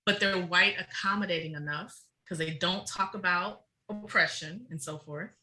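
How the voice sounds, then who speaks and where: Poorly recorded, this middle-aged woman's lowish voice comes across bright and forceful. As a researcher guest in a podcast interview, she speaks emphatically and passionately, her speech flowing fast.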